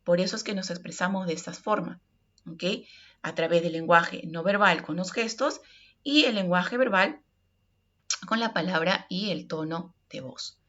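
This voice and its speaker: A woman's voice: fairly low pitch, normal speed, a bit bright, dull audio. A woman with a Peruvian Spanish accent giving an online workplace communication lesson, explaining step by step and often checking in with "ok?". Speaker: course instructor.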